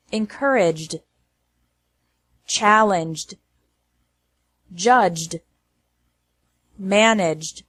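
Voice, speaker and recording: A woman teaching English pronunciation, drilling lists of single words. She speaks at a very slow, measured pace with a mid-range voice and carefully enunciates each word. The recording is dry and close, with no room sound. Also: mid-range voice, dry recording.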